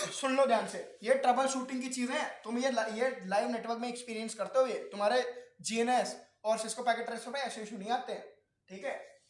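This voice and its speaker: A man's voice: very high voice, moderate pace, reverberant. A man teaching a networking class, explaining step by step and often quizzing his students with questions. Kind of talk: classroom lecture.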